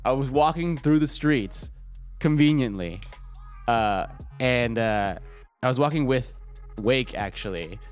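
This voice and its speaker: Speaking a little slowly and expressively, this mid-range male streamer sounds a bit stuffy, as if congested. His casual livestream banter is full of jokes and profanity, recorded on a desk mic with faint music playing behind him.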